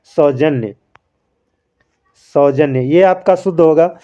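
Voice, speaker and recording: A man teaches a spelling quiz and walks through each answer slowly, asking a question and then giving the answer himself. His voice is smooth and mellow, and a little high for a man. The recording sounds dull and lo-fi. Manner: explains patiently, keeps calling listeners friends; writes by hand while talking. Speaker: Hindi grammar teacher.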